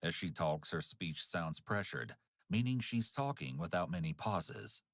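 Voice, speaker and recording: A man reading scripted true-crime narration in a measured, dramatic way. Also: sits low, sing-song, a bit bright, dry recording, clean studio sound. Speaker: documentary narrator.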